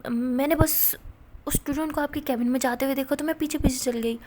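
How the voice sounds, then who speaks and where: Flustered, evasive female teacher, stammers, high voice, read by a woman narrator. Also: steady tone, darkish tone, slight background noise, close to an everyday voice. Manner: stammering, halting, pleading.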